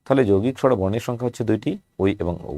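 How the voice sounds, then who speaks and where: A teacher with a Bangladeshi Bengali accent delivers a brisk exam-prep lecture, going through past questions and posing rhetorical ones. His voice is medium-pitched and mellow, recorded dry and close with no room sound.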